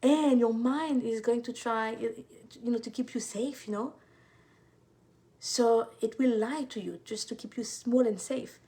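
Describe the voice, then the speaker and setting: A woman's voice: a little high, unhurried, dark tone. A woman from France with a French accent, an intuitive life coach talking casually to viewers, full of fillers and repeated words.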